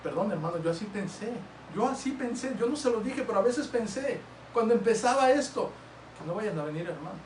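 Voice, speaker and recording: Male pastor, earnest sermon delivery, high voice, captured distantly in a roomy church hall. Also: expressive, a little fast, slight background noise. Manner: earnest, swings between loud exhortation and hushed storytelling.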